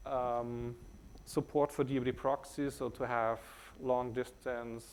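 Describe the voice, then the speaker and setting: With a gravelly, mid-range voice and a slight hiss or hum in the audio, this Austrian presenter speaks with a German accent. His technical conference presentation comes out haltingly, broken by frequent hesitations and restarts.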